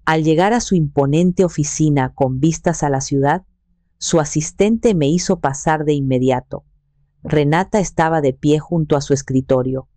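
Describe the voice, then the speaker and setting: Female narrator for a scripted first-person story; calm and even, mellow, dry read. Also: low-pitched, no echo.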